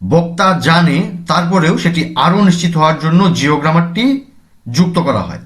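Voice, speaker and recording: A man with a slightly higher voice teaches a language lesson. He walks through each grammar point, asking questions and then answering them himself. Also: lively intonation, moderate pace, fairly bright tone. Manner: explanatory, asks and answers his own questions. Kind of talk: classroom lesson explaining grammar.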